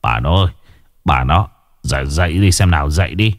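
Horror audiobook: a frightened older father, as a narrator puts him on, low, urgent calls. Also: sing-song, takes it slowly, full character voice. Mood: panicked. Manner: panicked, urgent calling. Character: terrified older father waking his wife at night.

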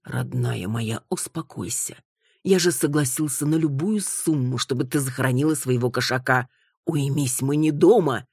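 A woman voicing a husband who makes soft, pleading excuses to calm his angry wife. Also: a bass voice, normal speed, husky, no room sound, studio quality, exaggerated voice. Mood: placating. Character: evasive husband, man, placating.

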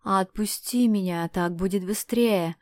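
Woman voicing a nervous hushed talking cat. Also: mid-range voice, unhurried, no echo, natural voice. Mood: uneasy. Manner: hushed and hissing, half-whispered. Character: nervous talking male cat, wary and sly.

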